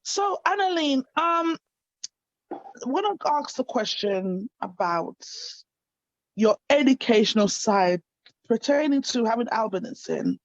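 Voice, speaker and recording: A woman's voice: fairly high pitch, sing-song, measured pace, no room sound. A woman in her thirties hosting an online interview show, enthusiastic and affirming. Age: 30s. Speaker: host. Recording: dry, slightly dull sound.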